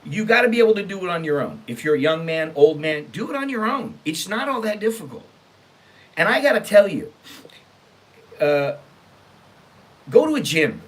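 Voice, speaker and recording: With a high-sitting, very animated voice, this American storytime host reads out emails at a moderate pace, leaving long pauses. He responds to them in a blunt, sweary, emphatic way, clearly exasperated on his casual online show.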